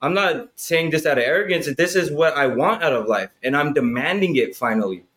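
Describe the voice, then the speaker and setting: Profane, hyped-up man talking fast. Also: a little high, expressive, fairly bright tone. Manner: profane, hyped, motivational, says "bro" and "right?" constantly. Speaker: podcast guest. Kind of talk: casual chat.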